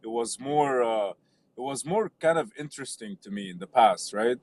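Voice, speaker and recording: Hesitant caller from Lebanon. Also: male voice, medium pitch, animated, moderate pace, darkish tone. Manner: hesitant, many fillers and restarts. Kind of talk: casual call-in chat.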